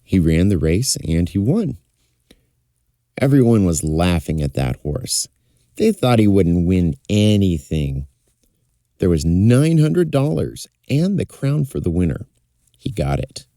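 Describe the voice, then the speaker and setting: A man's voice: low voice, very animated, slow pace, warm tone, no echo, studio quality. A man telling a folktale in a fireside storytelling style, as narrator. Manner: acts out characters' dialogue.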